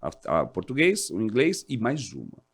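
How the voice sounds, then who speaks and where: Animated man in his forties, explaining. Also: moderate pace, husky. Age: 40s. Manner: animated, explanatory, jumps high when quoting others. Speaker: fire department officer, guest. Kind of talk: casual interview talk.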